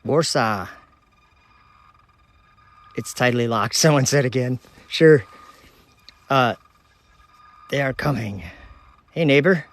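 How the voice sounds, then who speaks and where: This Minnesota man, speaking at a medium pitch, talks slowly and leaves long pauses. He hosts a casual nighttime livestream outside, operating a telescope while reading viewer comments and their locations aloud in a relaxed, chatty running list.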